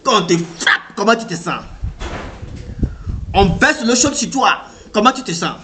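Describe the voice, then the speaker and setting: A man with an African French accent giving an animated motivational talk, repeating himself and firing rhetorical questions at the listener. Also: sits high, unhurried, a little hiss or hum. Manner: animated, repetitive, rhetorical questions, acts out reactions. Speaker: motivational speaker.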